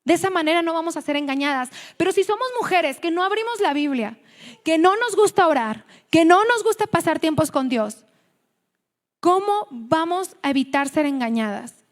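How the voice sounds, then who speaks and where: A Mexican woman preaches to a women's gathering in a high voice, chatty and storytelling, often restarting her words. Her voice carries a long hall reverb. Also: expressive, moderate pace. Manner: conversational, storytelling, self-correcting. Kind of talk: sermon at a women's meeting.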